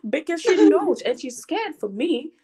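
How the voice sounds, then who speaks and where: A woman's voice: sits high, unhurried. A Gambian woman in her thirties, speaking outspokenly in a casual chat, joining a live stream from home. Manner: outspoken, animated, laughs often. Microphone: computer mic, webcam off.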